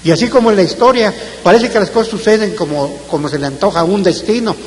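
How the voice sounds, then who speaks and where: A slightly high-voiced man preaching in a church hall, reading scripture in a measured, deliberate way. His phrase endings drop away softly. A long reverb rings behind him, with a faint hiss on the recording. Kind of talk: Bible-study sermon with scripture reading.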